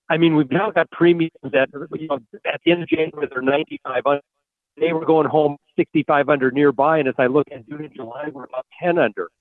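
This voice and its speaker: A man with a fairly high voice comes through a buzzy, glitchy phone call, thin and dry with no room around it. He talks in halting stretches and repeats words as he works through his point. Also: dry recording. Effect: buzzy, glitchy phone call audio that breaks up. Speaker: farm market analyst guest. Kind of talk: call-in radio interview. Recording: dry, tinny phone line.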